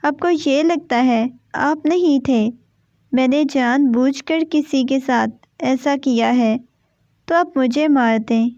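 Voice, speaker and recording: A frightened, tearful young wife, as a woman reader puts her on, with a high voice. The sound is dry and somewhat dull. It is read like a storybook. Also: a little mellow, no echo.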